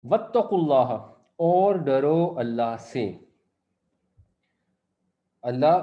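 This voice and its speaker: Male Quran teacher at a mid pitch, explaining grammar step by step, a slightly muffled recording. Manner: explains grammar step by step, recites Arabic verses then translates. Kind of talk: Quran commentary lesson.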